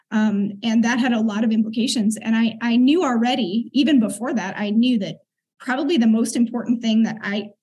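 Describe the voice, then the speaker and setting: Recorded roughly and with a darkish tone, this middle-aged woman from the United States is an interview guest sharing her story in conversation. Her voice is somewhat husky and breathy, set a little higher than most, and she sounds sincere and thoughtful, clearing her throat from time to time.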